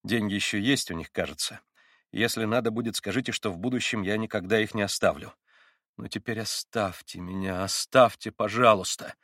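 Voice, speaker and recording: A man reading the part of a passionate, proud young woman, raising his voice higher and speaking with a trembling emphasis. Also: brisk, fairly bright tone, no echo, studio quality. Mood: agitated.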